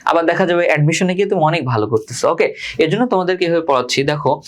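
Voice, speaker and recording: A man's voice: a little high, animated, very fast. Man teaching English, Bangladeshi accent. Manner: explains step by step, repeats key words, asks and answers his own questions. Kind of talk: spoken lesson for exam students.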